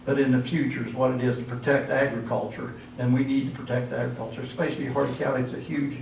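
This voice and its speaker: At a church hall dinner, an older candidate delivers a rambling, homespun campaign speech with plenty of fillers, captured from far off amid hall echo. He talks quickly in a gravelly, darkish voice of medium pitch and level tone, with a little hiss or hum.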